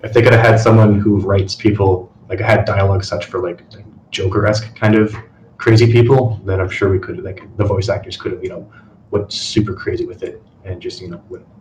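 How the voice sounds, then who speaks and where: A man's voice: lowish voice, fairly even intonation, fairly quick, darkish tone, roomy sound, slight background noise, low-quality recording. A man on a live game review panel who rambles and says "like" a lot. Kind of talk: casual panel discussion.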